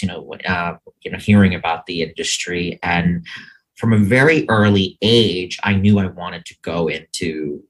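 Speaking from an office, a deep-voiced media sales executive from New York rambles through a casual interview as a guest, circling back and filling pauses with ums and restarts. His tone is fairly bright, though the audio quality is poor.

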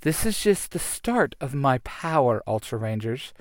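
A man voicing a menacing male villain lord in a fan story reading, speaking slowly and threateningly. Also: medium pitch, sing-song, no echo, studio quality.

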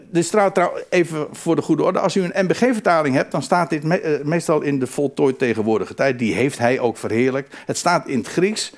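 A man preaching a sermon, emphatic and repetitive, often restarting his phrases. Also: a little high. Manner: animated, emphatic, repeats phrases, frequent restarts.

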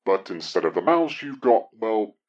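A man's voice: fairly low pitch, big pitch swings, moderate pace, a little mellow. A man playing a fawning hell underling leaving a voicemail. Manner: chatty, rambling and over-polite to his boss. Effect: voicemail message played back over a phone. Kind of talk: comic audio drama acting. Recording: dull lo-fi phone playback.

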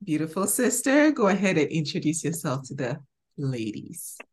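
A woman hosting a faith podcast, chatty and quick to laugh. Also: low voice, very animated, darkish tone, breathy edge. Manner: laughs often, chatty and bubbly. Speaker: podcast host. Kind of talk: casual podcast chat.

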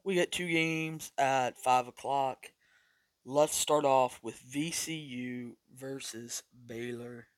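A male podcast host with a medium-pitched voice talks sports betting in a casual, chatty manner, choosing picks deliberately while recovering from voice loss. The sound is clean studio quality with no echo.

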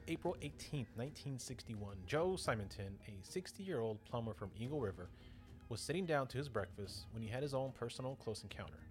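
Podcast guy telling weird stories, jokey asides, voice all over the place, a bit of music in the back. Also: medium pitch. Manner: lively, joking, self-interrupting. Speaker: podcast host. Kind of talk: casual storytelling podcast.

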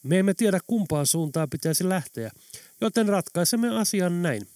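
A man's voice: high voice, animated, darkish tone, no echo, clean studio sound, pitched above the performer's own voice. A man voicing a cold, menacing male professor who leads armed men, speaking in an icy, commanding way. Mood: mock-friendly.

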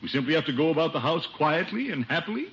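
A man's voice: on the high side, sing-song, quick pace, a bit bright. An American man playing a pompous, fussy, genial middle-aged uncle in an old radio comedy. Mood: fussy, admonishing. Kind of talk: 1940s-50s radio comedy acting. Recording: dull noisy vintage radio recording.

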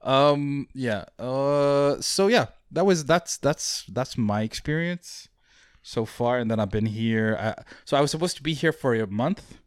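A young man from Mauritius who grew up abroad speaks in a mid-range voice, recorded close and dry. He talks casually as an interview guest, pausing, restarting and trailing off, with an easy, amused tone. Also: medium pitch, animated, clean tone, no room sound. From Mauritius, raised in Saudi Arabia. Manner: hesitant, many fillers and restarts, chuckles easily.

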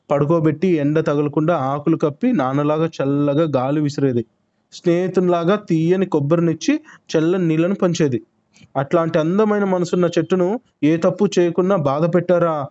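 A man's voice: fairly high pitch, fairly even intonation, fairly quick, dark tone, natural voice. A man voicing a kind young horse foal in a children's story, speaking earnestly and with feeling over a muffled lo-fi recording. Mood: reproachful.

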